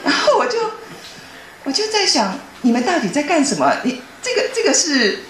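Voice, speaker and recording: A woman giving a personal testimony in a church hall, telling her story earnestly and excitably, often restarting her sentences. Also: high voice, normal speed, slight background noise.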